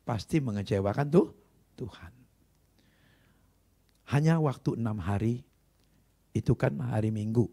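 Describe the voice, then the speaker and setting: A man's voice: mid-range voice, animated, unhurried, pauses often, dark tone. A male pastor preaching a sermon, telling stories emphatically and putting rhetorical questions to the congregation. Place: church service.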